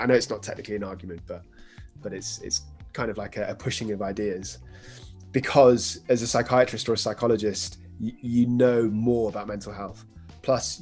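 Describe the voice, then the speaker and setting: A man's voice: mid-range voice, a little mellow. A man in his thirties with a British accent, explaining things in a casual interview conversation. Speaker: forensic psychiatrist in conversation. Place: indoor room on a video call.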